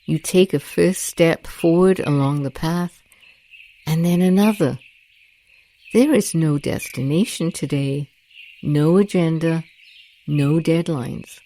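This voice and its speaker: Leading a calming meditation, a woman narrates in a low voice, gently and deliberately, leaving long pauses between phrases. The backdrop is nature ambience from a rainforest, with crickets and singing birds.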